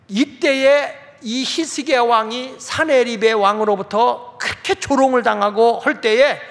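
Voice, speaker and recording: This pastor's voice is extremely high and fairly bright as he preaches in a folksy style, questioning his congregation along the way. The recording carries the long reverb of a big church sanctuary.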